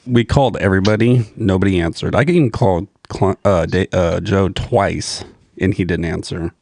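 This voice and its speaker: A man's voice: sits low, moderate pace, gravelly, darkish tone, no room sound. A man co-hosting a casual podcast, ribbing a friend. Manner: joking, ribbing. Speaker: podcast co-host. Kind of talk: casual banter.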